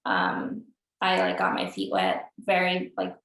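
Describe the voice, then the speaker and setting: A woman's voice: on the low side, very animated, unhurried, vocal fry, a bit bright. A young woman audio engineer on a virtual panel, talking casually with many fillers. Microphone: video call. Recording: roomy video call audio.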